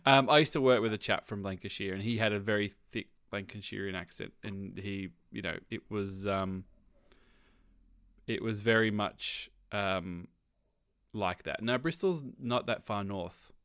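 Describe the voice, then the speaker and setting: A man's voice: on the low side, measured pace, fairly bright tone, clean tone, no echo, studio quality. Rambling man chatting on a podcast. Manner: rambling, many restarts, chuckling. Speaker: podcast co-host. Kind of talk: casual comedic chat.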